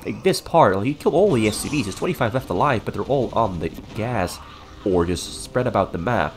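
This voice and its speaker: A man's voice: fairly low pitch, lively intonation, brisk. A man with a stuffy, flu-ridden nose commentating a game as an esports caster, calling the play in short clipped phrases.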